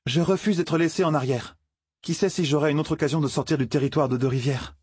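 Guy doing a stubborn young village girl, way higher than his own husky voice, dry close sound. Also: quick pace, darkish tone, no room sound. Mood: defiant. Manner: headstrong, insistent.

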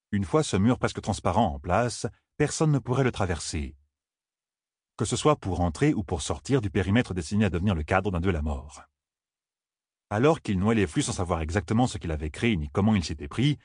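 A man reading a fantasy audiobook in a steady, grave, measured way. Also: on the low side, slightly rough, no echo, clean studio sound. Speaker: audiobook narrator. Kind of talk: scripted fantasy narration.

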